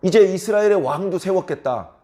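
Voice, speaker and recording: A man's voice: sits high, lively intonation, a little fast, mellow. A male pastor voicing God as He promises a king blessing, in an earnest, coaxing tone. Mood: promising.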